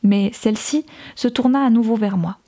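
A woman reads a novel aloud in the first person, telling the story in a measured, even way. Her voice sits a little high and has a mellow, soft-edged tone. The delivery is steady and unhurried. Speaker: audiobook narrator.

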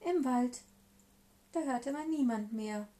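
Woman storyteller, rhyming children's book, slow, warm and mellow, lively pitch. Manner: expressive, rhythmic, slow read-aloud.

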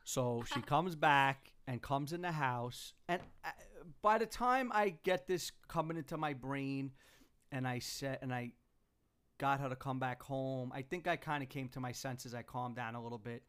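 A middle-aged man, a father, telling a family story on a casual podcast in an animated, joking way. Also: medium pitch, moderate pace, smooth. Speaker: father, co-host.

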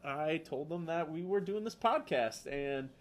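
A man from Wisconsin with a Wisconsin accent, co-hosting a casual podcast and telling stories in a relaxed way with filler words. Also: on the high side, measured pace. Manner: easygoing, storytelling with filler words. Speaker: podcast co-host.

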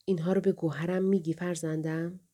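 A woman voicing a gentle old scholar. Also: on the low side, natural voice. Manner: soft, affectionate, slow. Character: gentle elderly male scholar, kindly and grieving.

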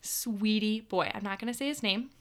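A woman's voice: mid-range voice, moderate pace. A young woman from Minnesota co-hosting a podcast, telling a story in casual chat. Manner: chatty storytelling, lively retelling with quoted voices. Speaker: podcast co-host.

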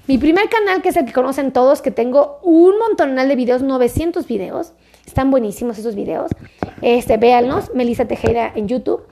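Expressive and fairly quick, a woman with a high, dark-toned voice delivers a casual health talk straight to camera. The doctor and health video creator is chatty and repetitive, coaxing viewers along.

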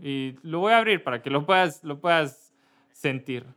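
A man from Kentucky, a pastor giving casual church announcements, halting and correcting himself often. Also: fairly high pitch, expressive, a bit bright. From Kentucky, USA. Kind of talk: church announcements before a service.

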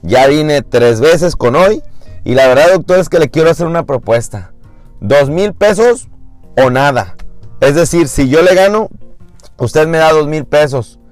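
A man's voice: expressive, measured pace, darkish tone, no echo, faint music behind. A man voicing a young, eager male doctor who keeps getting fooled, whiny and pleading. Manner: whiny, pleading, higher pitched.

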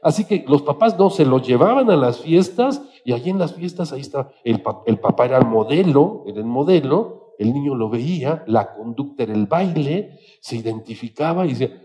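A man with a Mexican accent giving an animated, chatty talk on psychology, telling anecdotes as he goes. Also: medium pitch, fairly quick. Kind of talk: storytelling lecture.

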